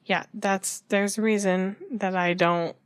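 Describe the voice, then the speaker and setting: A woman's voice: mid-range voice, little pitch movement, a little slow, clean tone, no echo. A woman hosting a casual book podcast, rambling and correcting herself as she talks. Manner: rambling, restarts and self-corrections. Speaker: podcast host. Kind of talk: casual chat about books.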